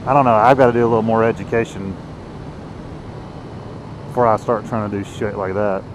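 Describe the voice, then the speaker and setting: A man's voice: on the low side, steady tone, fairly quick. A man from the United States chats casually and rambles as he rides, recorded inside a motorcycle helmet. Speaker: motovlogger. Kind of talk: casual rambling vlog while riding. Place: outdoors, riding a motorcycle on the road. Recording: noisy helmet mic with vehicle noise. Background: engine and road noise.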